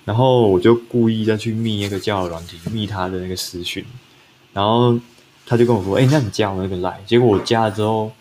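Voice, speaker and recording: A man's voice: lowish voice, fairly even intonation, a little fast, a little mellow, a little hiss or hum. A man, telling his own story on a podcast in a rambling way, often restarting his sentences and acting out what others said. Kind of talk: casual first-person storytelling.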